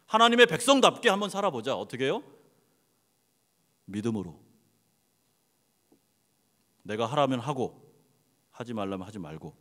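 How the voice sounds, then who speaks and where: Guy preaching, high lively voice, acts out little dialogues, big church echo. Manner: animated, acts out dialogues with God, swings from hushed to loud. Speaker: pastor. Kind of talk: sermon. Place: church sanctuary.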